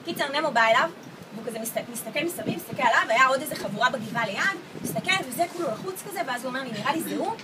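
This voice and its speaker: A woman telling a story to a gathering in a casual, animated way, acting out what people said. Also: high voice, noisy background. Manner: lively, acts out quoted voices with laughter. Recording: distant mic with loud crowd chatter. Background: crowd of people talking.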